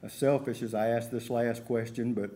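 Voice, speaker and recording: A man's voice: medium pitch, fairly even intonation, normal speed, dark tone. A man hosting a sports talk show in a folksy, conversational style.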